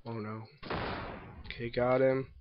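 A man's voice: medium pitch, little pitch movement, a little slow, muffled recording, background noise. A man casually commenting over his own gameplay, rambling and self-deprecating, with hiccups and yawns. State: hiccups and yawning. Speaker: gameplay video maker.

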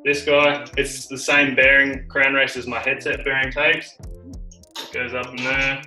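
A man's voice: mid-range voice, level tone, measured pace, sharp tone, soft background music, rough recording. A man, a bike race mechanic, explaining his tools in casual stop-start talk in an indoor workshop.

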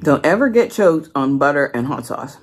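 A woman's voice: low-pitched, expressive, moderate pace, a little hiss or hum. A woman hosting a mukbang eating video, talking casually and playfully straight to her viewers between bites. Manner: chatty, playful, addresses viewers directly. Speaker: mukbang host. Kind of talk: casual eating vlog chat.

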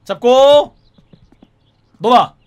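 A man streaming a driving game live, talking to his viewers and breaking into excited, repeated shouts. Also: very high voice, very slow, clear, resonant tone.

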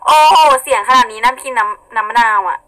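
A young woman with a husky voice, chatting casually on a live stream, reading out viewer comments and laughing often. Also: on the high side, quick pace, crowd noise, low-quality recording. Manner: chatty, giggly, playful. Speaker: idol singer on a live stream.

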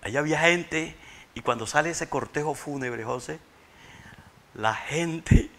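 A grieving father, telling his story in a halting, tearful interview and repeating words when overcome. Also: a little high, sharp tone. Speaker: interview guest, bereaved father. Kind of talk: emotional interview testimony.

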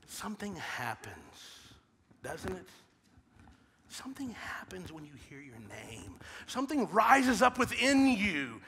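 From a large church stage with a blue-lit backdrop, a Midwestern American pastor in his thirties preaches in a high, very animated voice at a measured pace. He swings between loud, emphatic calls and hushed, near-whispered lines.

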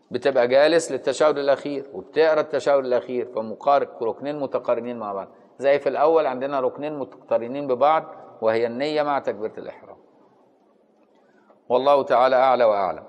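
A man with an Egyptian accent gives a fast-paced lesson on Islamic law, moving between reading a classical text and explaining it casually. His mid-pitched voice carries the long reverb of a large hall. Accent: Egyptian Arabic. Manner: reads a passage, then explains it in everyday speech with check-in questions.

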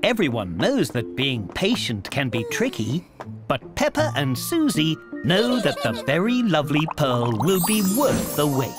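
British storybook narrator for preschool cartoon: very expressive, gentle, emphatic, music underneath. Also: male voice, a little high, unhurried. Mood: gently amused. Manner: clear, simple, emphatic storytelling. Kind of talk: scripted narration.

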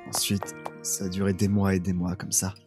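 A man acting an emotional young boyfriend in an audio drama, easily exasperated and expressive. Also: low-pitched, moderate pace, over loud music, natural voice. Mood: tender, wistful. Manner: expressive, swinging from soft narration to anguished cries.

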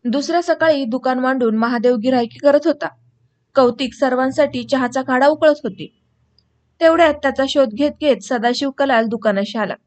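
A woman with a high voice reads a novel aloud in an audiobook. She narrates steadily and slips into rustic village speech for the dialogue. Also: normal speed, darkish tone. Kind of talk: novel read aloud, voicing characters.

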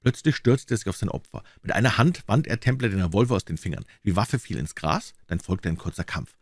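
Deep-voiced male storyteller. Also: brisk, no echo, studio quality. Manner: expressive storytelling. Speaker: audiobook reader. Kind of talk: audiobook narration.

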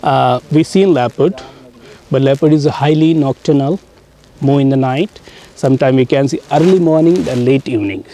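A man's voice: mid-range voice, normal speed, mellow. A man with a North Indian accent and Hindi as his native language, a safari guide explaining informally to tourists in irregular non-native English. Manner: non-native English with irregular grammar and repeated tag "you know". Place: outdoors in an open safari vehicle. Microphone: camera a short distance away. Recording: faint outdoor noise and clicks.

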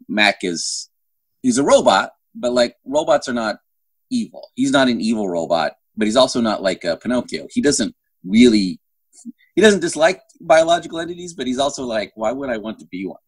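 With a lowish, slightly rough voice and no room sound, a middle-aged novelist rambles through a casual interview from indoors at home, often breaking off and restarting mid-thought. He's using a phone at arm's length on a video call.

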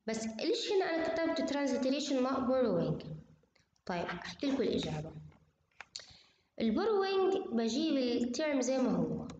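A woman's voice: fairly high pitch, a little mellow, lo-fi sound. Woman lecturing in a very echoey room. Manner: switches between Arabic and English, explains patiently, drills pronunciation. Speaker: university translation lecturer. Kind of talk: recorded online lecture. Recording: very echoey room, faint noise.

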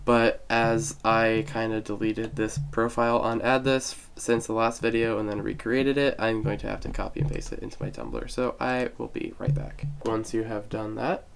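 A young man who is getting over a cold hosts a casual screen-recorded tech tutorial, walking through a website step by step with self-deprecating asides. His voice sits on the low side and is creaky, moving at a normal speed with few pauses. There's slight background noise.

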